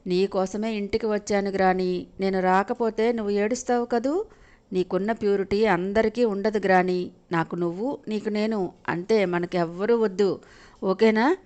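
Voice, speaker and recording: A woman's voice: mid-range voice, steady tone, moderate pace, darkish tone, natural voice. Woman doing a drunk young guy, teary and slurry, begging his grandma, audio story. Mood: drunk, tearful. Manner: slurred, tearful pleading.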